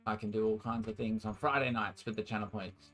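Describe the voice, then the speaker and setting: A man's voice: on the low side, steady tone, fairly quick, fairly bright tone, soft background music. An Australian man casting esports and chatting casually with his stream viewers, energetically hyping them up. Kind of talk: casual stream chat and play-by-play commentary.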